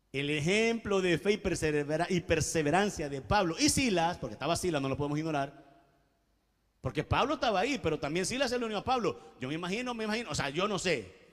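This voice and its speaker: A man's voice: on the high side, big-room sound. A man preaching a sermon as pastor, stressing his points and often addressing listeners as beloved brother. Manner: emphatic preaching, calls out "mi amado hermano".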